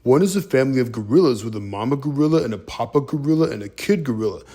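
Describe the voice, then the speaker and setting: A man with a husky, slightly breathy voice talking through a movie review in a relaxed, chatty retelling. His pitch sits in an ordinary middle range. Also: fast talker.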